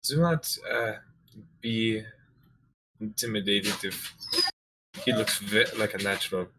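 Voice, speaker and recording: A man's voice: on the low side, fairly even intonation, slow, sharp tone, full character voice, low-quality recording. A man voicing a polite female ship navigator and potion maker, speaking hesitantly with many fillers. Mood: reassuring.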